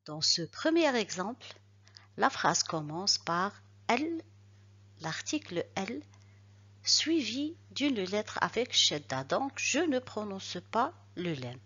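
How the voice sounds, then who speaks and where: A woman teaching a recorded reading lesson, explaining rules step by step and slowly repeating each example word. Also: mid-range voice, sing-song, fairly bright tone, husky, dull audio. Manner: slow, careful, repeats examples syllable by syllable.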